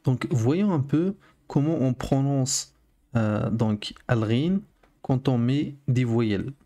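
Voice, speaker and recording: Slow, patient man teaching a lesson. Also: medium pitch, mellow. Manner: slow, patient, repeats sounds for learners. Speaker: Arabic teacher. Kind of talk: video lesson.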